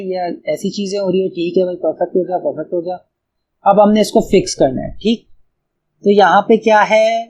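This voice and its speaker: A man's voice: high voice, darkish tone. A man from Pakistan with a Pakistani Urdu accent, casually thinking aloud through a coding tutorial and often calling the viewer brother. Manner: casual, thinks aloud, keeps saying "bhai". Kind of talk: screen-recorded coding tutorial.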